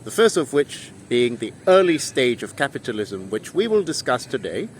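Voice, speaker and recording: Here a young man who makes history videos speaks to camera outdoors with big pitch swings in a mid-range voice, at normal speed. Earnest and lecturing, he punches the important words. It's shot on a phone at arm's length in a town square near old buildings, with faint street noise and passing vehicles.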